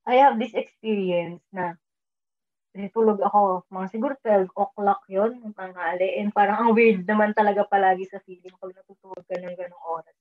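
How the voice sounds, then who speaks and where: Over a tinny, phone-like line, a woman with a mid-range voice and steady tone chats casually about a dream she had, speaking at a normal speed. She mixes English into her talk and gets louder when quoting herself.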